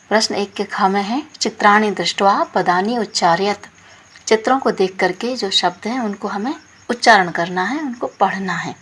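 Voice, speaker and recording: A woman teaching a lesson, saying each word slowly and then patiently explaining its meaning. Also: mid-range voice, a bit bright, husky.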